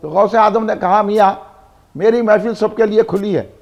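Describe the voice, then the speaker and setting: A man's voice: high voice, normal speed, gravelly, a little mellow. A man preaching a devotional sermon, building emphatic repetitive lists and prompting the crowd to respond. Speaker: preacher at a religious gathering. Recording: dull lo-fi event recording.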